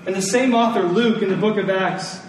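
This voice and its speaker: Speaking a little fast in a high-pitched voice, a middle-aged man delivers a conversational sermon full of rhetorical questions for his audience. The mic is distant, the room very echoey, and there's faint noise.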